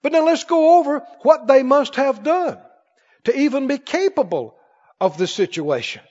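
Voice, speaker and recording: A man with a very high-pitched yet darkish voice preaches at a normal pace, his pitch swinging widely as he teaches from the Bible. Emphatic and questioning, he addresses a congregation in a large church hall, and the recording sounds muffled and echoing.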